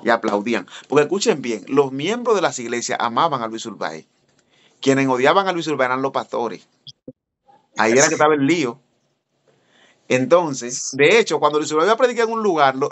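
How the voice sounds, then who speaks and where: A man, an evangelist telling a story in a sermon and speaking straight to his listeners. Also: fast. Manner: animated, addresses listeners directly, voice jumps high when excited. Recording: dull lo-fi recording.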